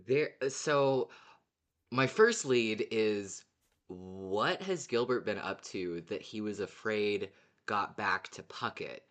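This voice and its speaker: A podcast host chats in a relaxed fan discussion, speaking slowly in a mid-range voice. He's animated and unscripted, and swearing slips in freely.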